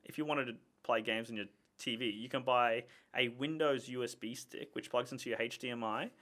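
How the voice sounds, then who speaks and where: A man's voice: mid-range voice, steady tone, brisk, bright, forceful tone. A man co-hosting a casual gaming podcast, giving his opinions and explaining things at length. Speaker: podcast co-host.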